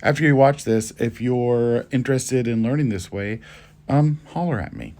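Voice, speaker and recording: A man who teaches music, giving a casual video lesson in a slangy, relaxed way with a bit of swearing. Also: mid-range voice, normal speed.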